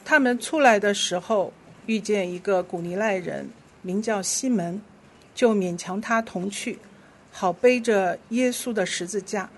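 A woman leading a church service, reading scripture aloud verse by verse in a steady, clear voice. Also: mid-range voice, a little slow, slight background noise. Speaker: worship leader.

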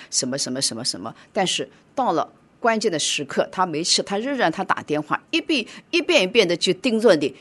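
Middle-aged woman preacher, husky lowish voice, goes loud then quiet, emotional testimony. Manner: emotional, swings between loud urging and quiet telling. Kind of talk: sermon with personal testimony.

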